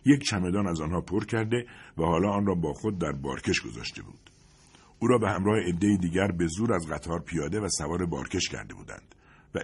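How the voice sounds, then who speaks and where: A man reading a war novel aloud as a narrator, in a scripted, expressive storytelling delivery. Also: low voice, husky. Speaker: audiobook narrator.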